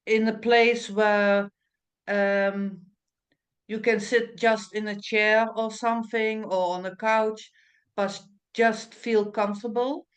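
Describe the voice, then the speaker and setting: A woman teaching guided meditation in a soothing, mesmerizing way with unhurried pauses and non-native English phrasing. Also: on the high side. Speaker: trance meditation teacher and medium.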